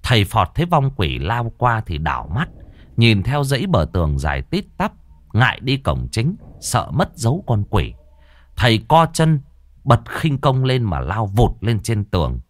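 Expressive male horror storyteller. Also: on the low side, a little slow, no room sound. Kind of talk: dramatic horror story narration.

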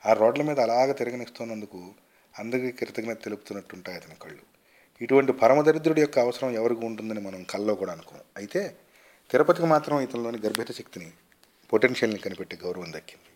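A man reading a short story aloud in a measured, expressive storytelling manner. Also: fairly low pitch. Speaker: story reader.

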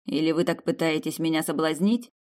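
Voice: medium pitch, a little fast, darkish tone, close to an everyday voice. Alexander, a reader doing a gloomy, curt prince. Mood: suspicious. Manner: curt, speaking through his teeth. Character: gloomy, suspicious young prince. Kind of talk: audiobook character voice.

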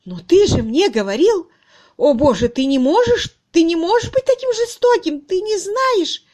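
A woman reading a desperate older spinster in an audiobook, shrill, tearful and pleading. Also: sing-song, unhurried.

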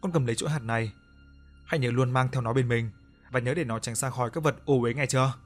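A man voicing a calm, gentle young Buddhist monk in an audio story. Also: medium pitch, fast, faint music behind, lightly acted. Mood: grave. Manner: gentle, soft-spoken.

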